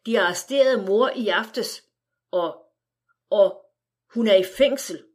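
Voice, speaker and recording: A woman's voice: fairly high pitch, expressive, breathy edge. A woman voicing a distraught, weeping mother from the 1910s who stammers and pleads as she reads a storybook aloud. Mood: pleading.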